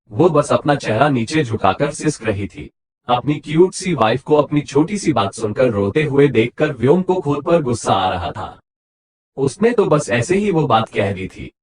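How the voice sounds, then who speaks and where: Guy narrating a romance audiobook, husky voice, lively up-and-down delivery. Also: mid-range voice.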